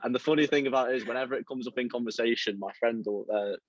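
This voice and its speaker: A young man from around Liverpool, chatting as a football writer guest in a relaxed, self-deprecating way with lots of fillers. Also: medium pitch, fast talker, no echo, lo-fi sound. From England, around Liverpool. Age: young adult. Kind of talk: casual interview chat.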